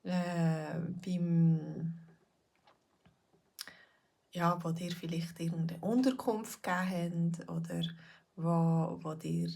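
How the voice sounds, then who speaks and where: A middle-aged woman with a Swiss accent, a Swiss German teacher chatting casually to learners, repeating phrases slowly. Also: on the low side, steady tone, gravelly, warm tone. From Switzerland. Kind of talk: casual video lesson talk.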